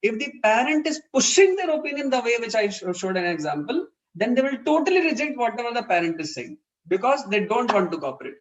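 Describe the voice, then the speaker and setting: A man's voice: very high-pitched, sing-song, fast, poor audio. A man with an Indian English accent giving an earnest, explanatory parenting talk in an online webinar. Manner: earnest, explanatory, acts out quoted dialogue.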